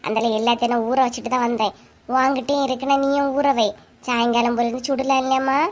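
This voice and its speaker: A woman with a Kanyakumari accent voicing a gentle, practical older village woman in a cartoon, speaking softly and low. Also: flat delivery, fast, lightly acted. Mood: calm, homely. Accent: Kanyakumari Tamil. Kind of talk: cartoon voice acting.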